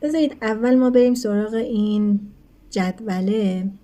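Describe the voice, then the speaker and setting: A woman teacher explaining English grammar in a recorded lesson, speaking quickly in her explanations and slowing right down for English examples, often checking in with her students. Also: medium pitch, dark tone. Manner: switches between quick explanations and slow, deliberate English examples; addresses students as kids, asks rhetorical checks.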